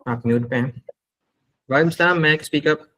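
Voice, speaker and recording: A man's voice: fairly high pitch, normal speed, pushed and bright, poor audio. A man, a project manager on an online panel, explaining plainly and mixing English phrases into Urdu over a video call.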